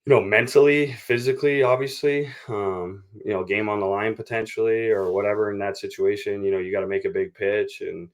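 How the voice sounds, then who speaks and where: A baseball coach is being interviewed, speaking in a low, fairly flat voice. He explains his points in a measured way, slipping in "you know" as he goes.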